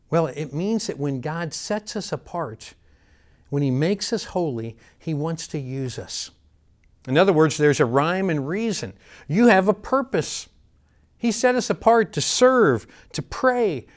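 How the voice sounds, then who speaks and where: Guy preaching a sermon, earnest, leans hard on his lists. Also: a little high. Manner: earnest, building emphasis in lists.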